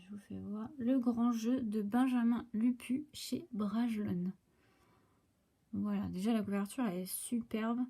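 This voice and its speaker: A woman's voice: fairly high pitch, dark tone, husky. Hesitant French woman chatting about books. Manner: hesitant, many fillers and restarts. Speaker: booktuber presenting new book releases. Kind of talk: casual chat to camera. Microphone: phone.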